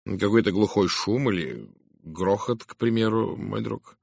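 A man voicing a fussy, shrewd middle-aged Belgian detective who speaks in a soft, measured, confiding way. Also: fairly low pitch, gravelly, slightly rough, no room sound, studio quality, exaggerated voice.

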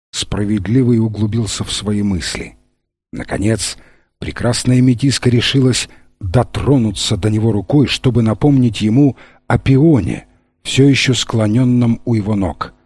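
A man narrating an audiobook with a measured, literary reading. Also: lowish voice, a little mellow, breathy edge, no room sound.

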